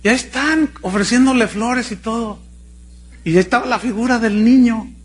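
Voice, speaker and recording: A man from Mexico with a Jalisco accent, a pastor preaching a sermon in an animated, joking way, full of rhetorical questions. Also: very high-pitched, moderate pace, a little hiss or hum. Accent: Mexican Spanish, Jalisco. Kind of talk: sermon with storytelling.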